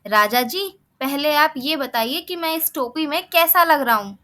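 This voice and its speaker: A woman's voice: high voice, lively intonation, measured pace, sharp tone, heavily acted. A woman voicing a cheeky, boastful male mouse in a children's storybook tale, demanding and threatening in a chanting way.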